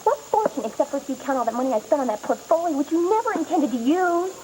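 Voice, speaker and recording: A woman's voice: high-pitched, big pitch swings, fast, background noise. An actress playing a young woman who confronts a schemer, indignant and emotional, in a soap opera. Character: young woman caught in lies, desperate, defiant. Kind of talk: 1980s soap opera acting. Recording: TV soap audio with loud music.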